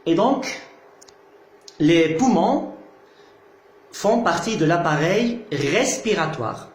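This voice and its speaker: Slow, patient man teaching in an echoey room. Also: a little high, animated. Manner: slow and patient, repeats key terms, checks understanding. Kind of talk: slow explanatory lecture.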